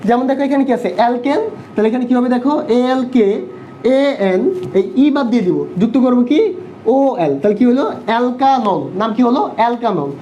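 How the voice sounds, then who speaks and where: A young man teaching an online chemistry class, asking quick questions and answering them himself. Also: very high-pitched, mellow, a little hiss or hum. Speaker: chemistry tutor. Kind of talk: online live class lecture. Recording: dull lo-fi online class audio.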